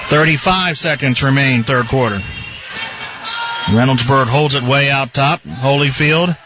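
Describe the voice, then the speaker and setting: A man doing live play-by-play basketball commentary as a radio announcer. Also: a little high. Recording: dull radio feed, loud gym noise. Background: gym ambience, bouncing basketball.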